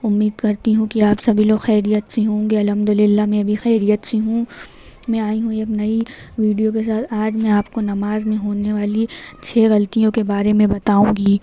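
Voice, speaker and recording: Woman teaching, flat dark voice. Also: mid-range voice. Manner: slow, deliberate drawn-out demonstrations of recited words. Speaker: religious teacher. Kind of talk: instructional talk on prayer pronunciation.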